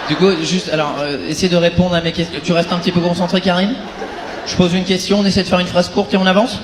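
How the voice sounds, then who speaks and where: Male comedian, fairly high voice, incredulous crowd-work banter, live echoey venue. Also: flat delivery, fast talker. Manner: teasing, incredulous. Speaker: stand-up comedian and host. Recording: echoey live show, loud audience noise.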